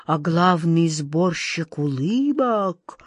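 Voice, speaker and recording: A woman's voice: on the low side, lively intonation, very slow, husky, no room sound, exaggerated voice. Aunt Okh, a sighing, fretful old woman, read by a woman. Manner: muttering, fretful, drops to a whisper.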